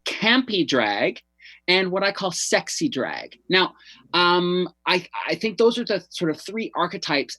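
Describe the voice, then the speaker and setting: A man's voice: a little high, a bit bright, no room sound. A man with the campy, theatrical, gushing flair of a drag queen, chattily hosting a casual talk show.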